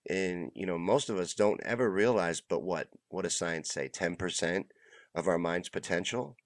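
This low-pitched, dry recording captures a middle-aged man hosting a motivational talk from a small room at home, his studio mic right by his mouth. He's stuffed up and clearly under the weather, yet earnest, offering pep-talk encouragement with trailing pauses.

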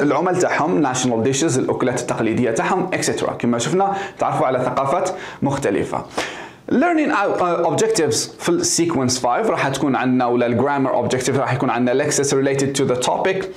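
A man with an Algerian Arabic accent, an English teacher giving an overview of a course and mixing Arabic with English and French terms. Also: mid-range voice. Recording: echoey room.

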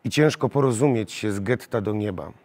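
A theatre actor giving a measured, emotionally weighted recitation of a poem. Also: male voice, lowish voice, darkish tone. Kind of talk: dramatic poetry recitation.

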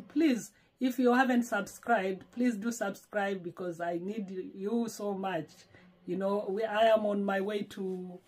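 Holding her phone at arm's length in a small home, a vlogger from Kenya, roughly in her sixties, chats casually to camera, pleading and repeating herself. Her voice is slightly mellow and on the high side.

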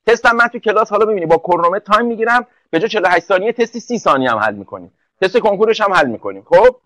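A man's voice: sits high, lively intonation, a bit bright, no room sound, rough recording. A man teaching English for an entrance exam in a live online class, joking and speaking directly to students one by one.

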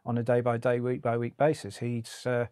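A middle-aged man speaking in a measured, articulate way with frequent hesitations, interviewed in a recording studio. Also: mid-range voice, completely flat delivery, mellow, no echo. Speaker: journalist interviewee. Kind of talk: documentary interview.

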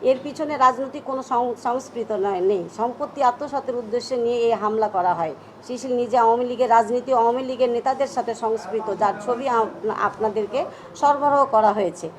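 A middle-aged woman speaks briskly in a slightly high voice, her Bangladeshi Bengali accent clear, as she reads out a statement at a press conference. She then launches into an agitated, emphatic retelling of what happened.

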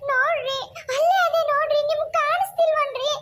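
A terrified pregnant young wife in a cartoon, frantic and pleading, very high squeaky voice. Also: female voice, fairly even intonation, fairly quick, heavy background noise.

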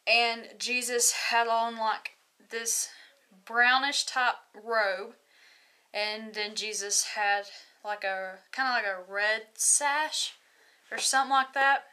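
A woman's voice: fairly high pitch, steady tone, slow, bright, forceful tone, clean tone. A young woman, telling a personal story in a loose, rambling way, with many fillers. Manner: loose, rambling, many likes and you knows. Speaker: video host. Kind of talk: casual testimony.

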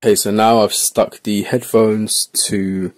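Seated at a wooden table in a room at home, a male vlogger narrates a hands-on how-to in a casual, unscripted way, thinking aloud as he works. His fairly low voice barely shifts in pitch, his pace is unhurried, and the recording has no room sound.

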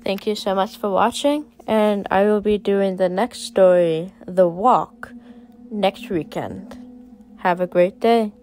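A woman's voice: mid-range voice, takes it slowly, soft background music, rough recording. A woman reading a short horror story aloud, dramatic in her storytelling. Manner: dramatic storytelling, varying loudness for suspense. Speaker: storyteller and artist.

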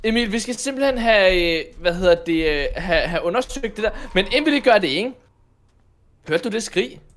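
A young man playing Minecraft in role-play with a friend, rambling and hesitant with many fillers, breaking into excited shouts. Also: sits high. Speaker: co-host of a gaming channel.

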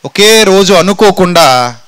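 High, bright-voiced male preacher. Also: animated, a little slow, clean tone, rough recording. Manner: asks the listeners questions and answers them himself, quotes people in dialogue. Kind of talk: sermon.

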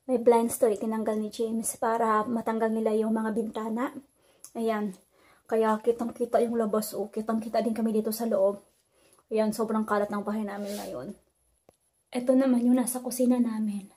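A woman's voice: on the high side, warm tone, husky. A woman in her thirties chatting to a handheld phone camera as she vlogs about her day at home and in the backyard. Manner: chatty, talks to camera while doing chores. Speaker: vlogger. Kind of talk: casual home vlog. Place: house and backyard.

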